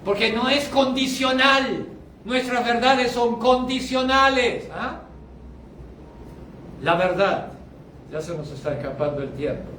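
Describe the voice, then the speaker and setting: A male pastor giving an emphatic sermon. He swings from loud, drawn-out declarations down to low, quiet asides. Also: slight background noise. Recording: echoey hall, mic at a distance.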